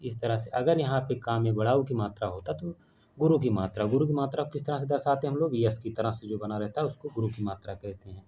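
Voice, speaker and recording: A man teaches a grammar class for an online audience, going step by step. He poses questions and answers them himself, in a mellow, darker voice over a faint background hiss. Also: mid-range voice, fast talker. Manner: explanatory, asks and answers his own questions.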